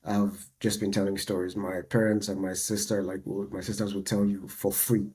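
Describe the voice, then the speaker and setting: A man, co-hosting a podcast in a relaxed, chatty way. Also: fairly low pitch, moderate pace, slightly rough. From Nigeria. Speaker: podcast co-host. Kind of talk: casual chat.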